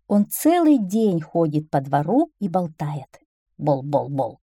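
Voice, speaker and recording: Expressive woman reading a children's tale. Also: lowish voice, measured pace, no room sound, studio quality. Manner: expressive, animated storytelling. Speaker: storyteller.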